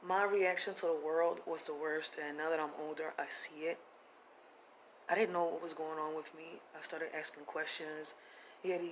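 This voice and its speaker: In a rough recording with a little hiss or hum, a deep-voiced woman from Puerto Rico who grew up in Philadelphia opens up to her viewers about her difficult life. She talks to camera plainly and confessionally, using casual slang.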